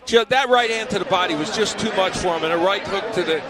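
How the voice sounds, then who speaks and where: A man's voice: sits high, quick pace, a crowd in the background. A man giving live boxing analysis, explaining the action in a raised voice over the arena. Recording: clear arena noise behind the voice.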